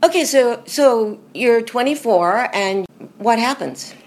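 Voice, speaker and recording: A woman's voice: a little high, lively intonation, slow, a little mellow, a little hiss or hum. A woman hosting a podcast interview, summarizing her guest's story and checking she has it right. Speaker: podcast host.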